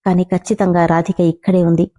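A woman's voice: lowish voice, flat delivery, quick pace, warm tone, close to an everyday voice. A woman voicing a heartbroken, stubborn young man who insists he is right, in a spoken storybook. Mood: sorrowful. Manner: pained, insistent.

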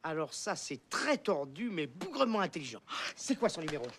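A naive, overeager man who is quick to get confused. His voice is gravelly and lively, with an earnest, bumbling way of talking. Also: fairly high pitch, heavily acted. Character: naive, eager, slow-witted middle-aged man.

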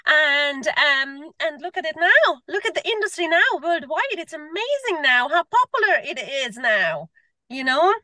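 A woman's voice: high voice, very animated, normal speed, sharp tone, dry recording. A woman in her forties, originally from Hungary, chatting in a video-call interview from a parked car, full of fillers and repeated words. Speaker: guest, permanent makeup artist. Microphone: video call from a phone.

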